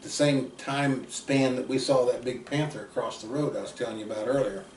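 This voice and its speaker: A man, telling folksy stories in a rambling, casual way that trails off softly. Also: medium pitch, fairly even intonation, a little fast. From southeast Kansas. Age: 70s. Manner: folksy, drifting, trails off quietly at ends. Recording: roomy, distant mic, faint background noise.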